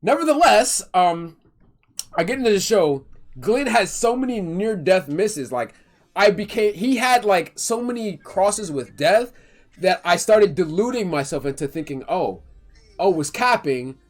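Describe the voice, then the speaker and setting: High, lively young male streamer. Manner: animated, emotional, talks fast with slang and self-interruptions. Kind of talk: casual storytelling.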